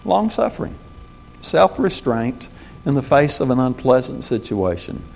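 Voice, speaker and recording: A man's voice: medium pitch, animated, a little slow, vocal fry, a little hiss or hum. A man in his sixties preaching a sermon as the pastor, in a folksy, conversational way with joking asides. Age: 60s.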